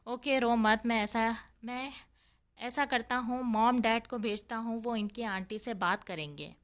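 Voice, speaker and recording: A woman voicing a stern young man who scolds curtly, then calms his beloved. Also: fairly high pitch, lightly acted. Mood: soothing. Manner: curt, scolding.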